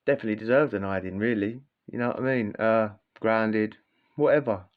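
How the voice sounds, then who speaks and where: A man's voice: on the low side, fairly quick. A man telling a casual story in a slangy, rambling way, often repeating himself. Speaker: vlogger. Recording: slightly dull lo-fi audio.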